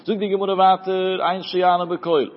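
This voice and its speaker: Male Talmud teacher, fairly high voice, study singsong, long reverb on a dull recording. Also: little pitch movement, normal speed. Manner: chanting study singsong, mixing Hebrew terms into Yiddish-flavored German. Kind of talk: Talmud lesson. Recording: dull audio in a reverberant room.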